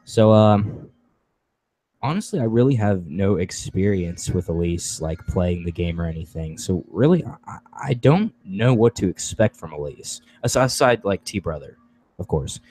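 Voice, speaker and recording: A young man hosting a casual online group chat, briskly calling on others by name and moving things along. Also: deep voice, animated, warm tone, poor audio. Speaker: host running a cast assessment.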